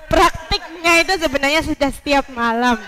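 A woman from Java, teaching Quranic letter pronunciation patiently and modeling each sound slowly. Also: high voice, poor audio. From East Java, Indonesia. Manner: slow, patient, drawn-out modeling of sounds, Javanese-tinged Indonesian.

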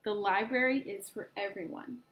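A woman's voice: medium pitch, measured pace, roomy sound, lo-fi sound, a little hiss or hum, natural voice. A woman voicing a welcoming visiting librarian greeting children.

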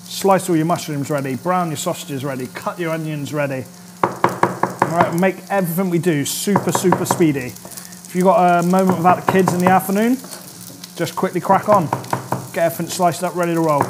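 A chatty, upbeat chef in his thirties demonstrates a dish in a studio kitchen, often asking viewers "all right?" over the sound of frying. His high-sitting voice moves at a normal speed. The recording is very noisy.

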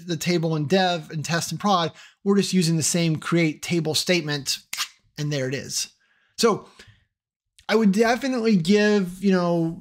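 A middle-aged man with a fairly high voice talks through a tech tutorial. He is chatty and opinionated, and he drops self-deprecating asides along the way. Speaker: tech trainer. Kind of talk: casual tutorial talk to camera.

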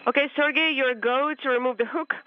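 A man on a space-to-ground radio link, giving brisk, terse call-and-response procedure talk. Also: very high voice. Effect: crackly space-to-ground radio link. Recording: muffled noisy radio feed.

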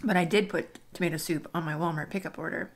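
A woman's voice: lowish voice, fairly even intonation, quick pace. Chatty woman eating on camera. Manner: chatty, rambling, laughs often. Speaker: mukbang vlogger. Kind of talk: casual chat while eating. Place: home dining room.

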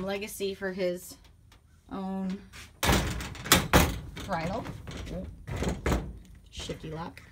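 Chatty woman showing off her horse barn, phone recording, lots of background noise. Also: medium pitch. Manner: chatty, laughs often, lists items as she goes. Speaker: horse owner giving a barn tour. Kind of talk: casual walkthrough narration. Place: horse barn, paddock and tack room, in and out of doors. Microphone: handheld phone camera.

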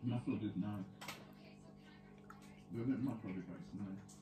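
A woman's voice: very deep voice, a little slow, roomy sound, noisy background. A middle-aged woman chatting in a matter-of-fact way while eating, mumbling a little as she chews. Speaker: vlogger's mother. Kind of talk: casual chat while eating.

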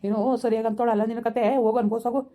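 A worn-down village husband bitterly lists his wife's abuses, as a woman acts him out. His complaints rush out at great speed in a warm, dark tone. This is a rural comedy sketch. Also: fairly high pitch, flat delivery, very fast, natural voice. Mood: aggrieved. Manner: whining, bitter, accusing.

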